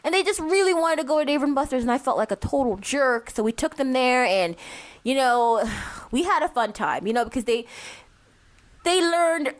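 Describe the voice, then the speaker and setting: A young woman co-hosting a podcast in casual comedic chat, animated and profane, often slipping into mocking voices. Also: high-pitched, moderate pace. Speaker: podcast co-host.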